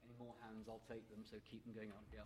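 A man's voice: fairly low pitch, completely flat delivery, fast, a little mellow. A man chairing a live public panel debate as moderator, recorded at the event. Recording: live event, clear background noise and clicks.

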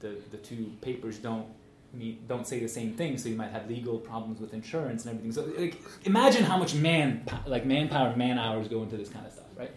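A man's voice: medium pitch, fairly quick, hardly any pauses. A man giving an informal academic talk, telling anecdotes conversationally and often checking in with the listeners. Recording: echoey room with faint noise.

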